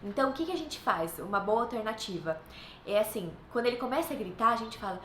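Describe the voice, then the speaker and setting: A woman's voice: on the high side, animated, fast talker, fairly bright tone. A woman in her thirties with a Brazilian Portuguese accent, giving earnest, reassuring parenting advice to other mothers. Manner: earnest, reassuring, acts out playful voices for her kids. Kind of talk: casual advice vlog. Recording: echoey room, faint background noise.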